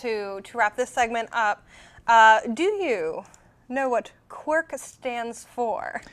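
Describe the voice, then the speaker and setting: A woman's voice: on the high side, lively intonation, takes it slowly. A woman co-hosting a podcast, interviewing a guest with upbeat enthusiasm. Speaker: podcast co-host. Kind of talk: casual interview.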